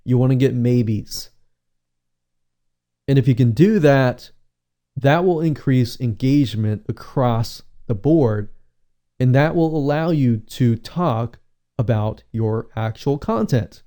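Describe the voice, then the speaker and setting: A man with a mellow, smooth, resonant voice gives an instructional talk on running webinars. He speaks conversationally, circling back to his main points and asking the listener rhetorical questions. His pitch sits in an ordinary middle range. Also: takes it slowly. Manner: conversational, repeats phrases, uses rhetorical questions. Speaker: webinar coach.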